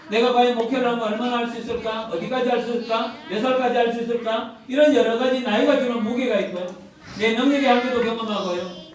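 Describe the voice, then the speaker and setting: A man in his fifties preaching a church sermon, earnest, often putting rhetorical questions to the congregation. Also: high voice. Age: 50s. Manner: filler "어때" often. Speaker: pastor. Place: church sanctuary. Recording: very echoey, from a distance.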